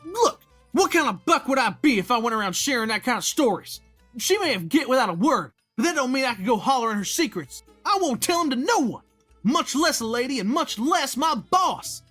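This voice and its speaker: A man doing a high twangy country deer youth, with music. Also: sing-song, a little fast, bright, forceful tone, exaggerated voice. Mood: defensive. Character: young country deer man, defensive and earnest.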